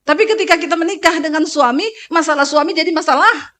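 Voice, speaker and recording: A woman pastor from Indonesia preaching a lively, joking sermon straight to her congregation during a church service. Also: high-pitched, fast. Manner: preaching with sung passages.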